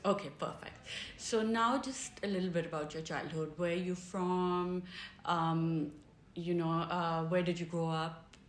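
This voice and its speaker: A woman's voice: on the low side, steady tone, a little slow. A woman asking interview questions in a casual, encouraging way, with fillers and hesitations. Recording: echoey room with faint ambient noise.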